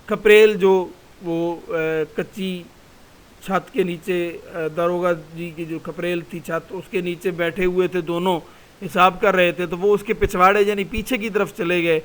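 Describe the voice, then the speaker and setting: A man's voice: high-pitched, level tone, low-quality recording. A man, a college lecturer, reading a passage aloud in a recorded class and explaining it word by word.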